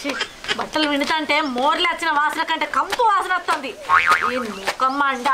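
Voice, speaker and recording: A woman's voice: very high voice, quick pace, very noisy. An actress with a Telangana accent playing a village wife who scolds her husband with earthy insults, in a comic short film. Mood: grumbling. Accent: Telangana Telugu. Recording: loud background music.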